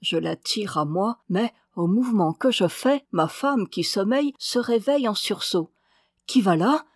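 A woman reading a classic novel aloud as an audiobook, tender and expressive. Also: medium pitch, normal speed, no room sound, clean studio sound. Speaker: audiobook reader.

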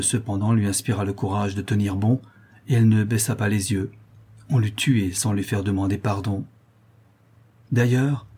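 A man reads a classic novel aloud in a measured, steady way. His voice is low, dark and mellow, with a husky grain. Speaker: audiobook reader. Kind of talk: literary narration.

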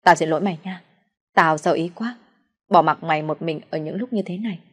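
A woman voicing a flustered, loyal young female friend who talks fast and apologizes. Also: sits low, husky. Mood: hurried. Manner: hurried, apologetic.

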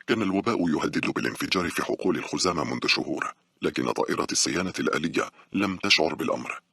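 Deep raspy guy reading a horror story fast, dry close sound. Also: animated, sharp tone, no room sound. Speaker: audiobook narrator. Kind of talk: scripted audiobook narration.

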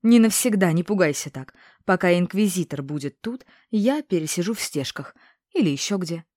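A woman reading a novel aloud, voicing a fierce, bossy witch who talks in a sharp, commanding way. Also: lowish voice, animated, normal speed, no echo, studio quality. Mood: insistent.

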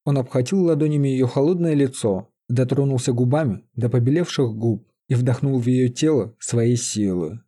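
A male narrator reads a fantasy story in a steady, even way. His voice is mellow and dark in tone, with a husky edge. The pitch sits in the middle of a man's range. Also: moderate pace, hardly any pauses. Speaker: audiobook narrator.

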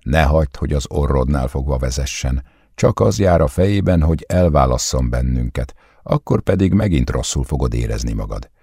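A man voicing a personified bottle of wine that coaxes and soothes its drinker in a soft, intimate, persuasive way. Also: rumbling low, lively intonation, gravelly, slightly rough, dry recording, clean studio sound, heavily acted. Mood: scheming.

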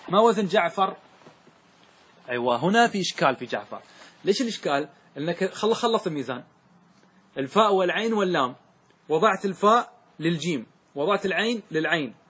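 A man's voice: sits high, a bit bright, breathy edge. A man teaching a grammar lesson in a classroom, quizzing his students and having them answer back. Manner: questioning, drills students in call and answer.

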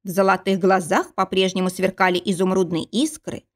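A woman narrating a fantasy romance audiobook at a medium pitch. Her reading is measured and even. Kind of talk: scripted narration.

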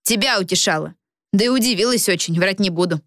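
A woman's voice: medium pitch, quick pace, fairly bright tone, no room sound, clean studio sound, lightly acted. A woman voicing a blunt, sarcastic young woman roommate in an audiobook, speaking in a cutting tone. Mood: scornful.

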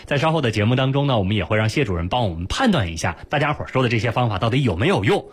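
A man hosts a radio health show from the studio, talking fast with a lively, swooping pitch. His voice carries a slight huskiness. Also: breathy edge. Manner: fast, lively announcer delivery. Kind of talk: radio call-in show hosting. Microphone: studio microphone.

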